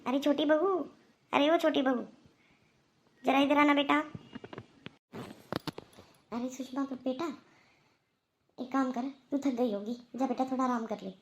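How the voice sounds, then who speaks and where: A woman's voice: high voice, steady tone, normal speed, darkish tone, a little hiss or hum. A woman voicing a middle-aged mother-in-law in a cartoon, remorseful and kindly, who reassures and repeats herself. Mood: reassuring. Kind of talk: Hindi cartoon voice acting.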